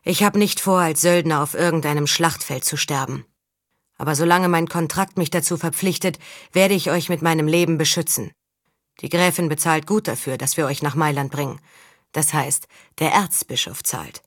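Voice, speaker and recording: A woman's voice: low-pitched, normal speed, dry recording, studio quality. A woman reading a world-weary male mercenary of about forty, blunt and sceptical. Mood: calm, frank. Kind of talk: audiobook character reading.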